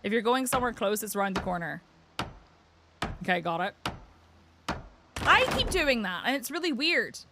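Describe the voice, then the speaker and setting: A woman's voice: fairly high pitch, very animated, normal speed, long pauses. A woman with an Irish accent chatting casually on a live game stream, rambling with lots of filler words. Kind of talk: casual live-stream chat while gaming. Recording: clear background noise with clicks.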